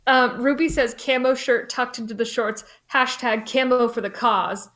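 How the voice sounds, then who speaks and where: A woman's voice: a little high, steady tone, normal speed, fairly bright tone. A woman co-hosting a game stream, reading out chat and commenting in a casual, sardonic, sweary way.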